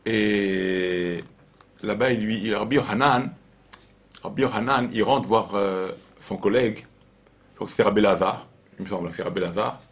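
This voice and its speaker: Man, rabbi, informal Torah lesson, animated storytelling, repeats phrases. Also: lowish voice, normal speed.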